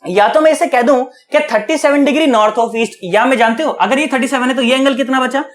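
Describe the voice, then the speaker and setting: A man teaching physics at a board, asking questions and answering them himself in a chatty, coaxing way, repeating key words slowly. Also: extremely high pitch. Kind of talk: online lecture, explaining at a board.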